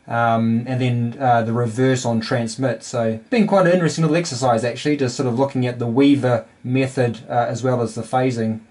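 A man's voice: medium pitch, darkish tone. A man with a New Zealand accent talking casually and a little hesitantly about his hobby, in an easygoing explaining manner. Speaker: amateur radio builder and host. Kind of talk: casual hands-on hobby demonstration. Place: indoor home electronics workbench.

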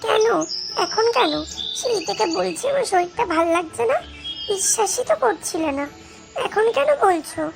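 A woman's voice: extremely high pitch, expressive, moderate pace, creaky, full character voice. A woman voicing a cheeky, sulky little girl in a cartoon, whining and fake crying. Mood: grumbling. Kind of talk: Bengali cartoon voice acting. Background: background music.

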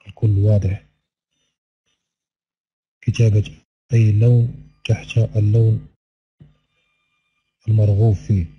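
A man giving a recorded online language lesson, repeating each word slowly and stretching its vowels. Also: on the low side, warm tone, husky, lo-fi sound. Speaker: Spanish teacher.

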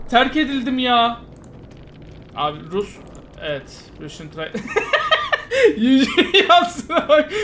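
A young man giving playful, casual commentary while playing a game, muttering one moment and shouting excitedly the next. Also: sits high, a little hiss or hum. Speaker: gaming streamer. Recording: game music behind the voice.

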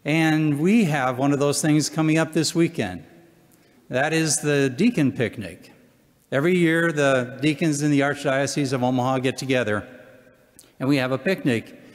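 An older man, a deacon speaking from the lectern in a measured, solemn way as he reads and preaches. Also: mid-range voice. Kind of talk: scripture reading and homily. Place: large church, at the lectern. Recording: long church hall reverb.

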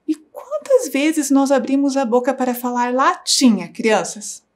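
A woman primary school teacher giving a slow, clear lesson to young children, patient and sing-song, stretching out syllables. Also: high voice, lively intonation, a little mellow. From Brazil. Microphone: broadcast studio mic.

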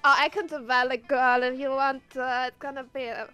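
A woman's voice: high voice, level tone, fairly quick, pushed and bright, smooth, faint music behind. A woman chatting casually while playing a game with friends, with giggly, playful banter. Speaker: game player. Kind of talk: casual chat while gaming.

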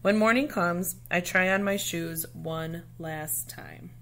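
Reading a children's picture book aloud, a woman with a slightly low, somewhat bright voice phrases each line deliberately and dramatically, the way a teacher reads to young listeners.

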